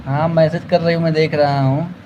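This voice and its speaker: A man's voice: fairly high pitch, steady tone, brisk, dark tone, lo-fi sound, a little hiss or hum. A man with an Awadhi accent hosting a casual live stream, chatting with viewers and thanking them by name.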